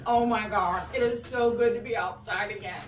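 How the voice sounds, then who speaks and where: A woman's voice: mid-range voice, normal speed. A woman co-hosting a podcast, joking and teasing in casual chat, recorded in a garage. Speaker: podcast co-host. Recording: echoey garage, far from mic, faint noise.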